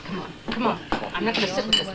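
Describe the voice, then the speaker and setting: Bossy impatient wife played by a woman, distant, loud clinking dishes around. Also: mid-range voice, fairly even intonation, racing, heavy background noise, natural voice. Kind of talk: film acting. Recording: distant voice in a loud dining room.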